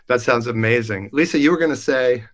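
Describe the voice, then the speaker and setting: In Denmark, a man with a medium-pitched voice hosts a live podcast at a moderate pace. He's upbeat and chatty as he introduces colleagues, using frequent fillers.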